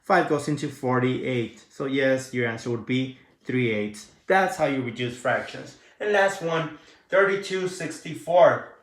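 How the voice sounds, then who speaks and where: Casual math teacher in an echoey room. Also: male voice, mid-range voice, measured pace. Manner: talks students through steps with questions and answers; casual, addresses viewers as guys. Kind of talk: recorded math lesson.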